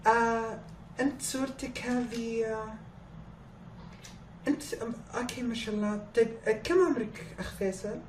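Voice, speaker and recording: A man's voice: extremely high pitch, brisk, voice pushed up. A man putting on a woman's voice as a female doctor in a prank phone call. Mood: official. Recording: echoey, noisy, distant phone prank recording.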